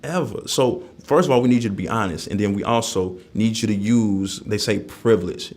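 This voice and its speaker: A man's voice: fairly low pitch, fairly quick, darkish tone. A man talking candidly in an interview, emphatic and plain-spoken, often checking that his listener follows. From North Nashville, Tennessee, USA. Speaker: interview guest, community member.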